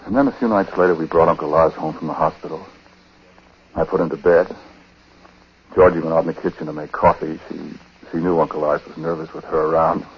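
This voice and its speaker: An actor playing a troubled, uneasy husband who narrates in a hesitant, conversational way in a 1940s radio drama. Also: male voice, very deep voice, steady tone, fairly quick. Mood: subdued, remorseful. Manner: hesitant, conversational, breaking off and repeating words. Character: troubled husband, uneasy, recounting his own story. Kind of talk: 1940s radio acting, first-person confessional narration. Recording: muffled, noisy 1940s radio recording.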